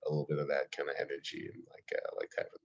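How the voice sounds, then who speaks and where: Young male guest from Ohio, very low voice, eager rambling storyteller, dull lo-fi call line. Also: level tone, racing, creaky, husky. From Ohio, USA. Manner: eager storyteller, many fillers. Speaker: podcast guest. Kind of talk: casual interview chat.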